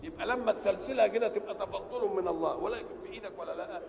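In an old, echoey lo-fi hall recording with a little hiss or hum, an elderly scholar with an Egyptian Arabic accent explains a Quran verse. He talks in a rapid-fire, gravelly voice, raising rhetorical questions and supplying the answers. His volume is uneven and frequently sinks low.

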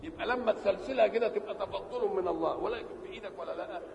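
A man with an Egyptian Arabic accent giving a religious lesson. He asks questions and answers them himself, and he stretches key words slowly for emphasis. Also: high-pitched, creaky, darkish tone. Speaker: religious teacher. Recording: reverberant hall with faint background noise.

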